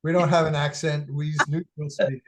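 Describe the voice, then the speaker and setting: A man's voice: on the high side, level tone, a little fast, over a noisy crowd. A man with a New York accent co-presenting a webinar, joking and reading out attendee locations over a video call. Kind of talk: casual chat.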